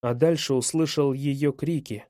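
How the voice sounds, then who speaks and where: A man narrating a first-person audiobook in a measured, even way. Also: medium pitch, no room sound, studio quality.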